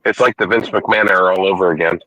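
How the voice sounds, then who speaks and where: A man in his forties in casual wrestling chat, blunt and a bit halting as he starts his points. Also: sits low, steady tone, pushed and bright, rough recording. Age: 40s. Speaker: podcast co-host.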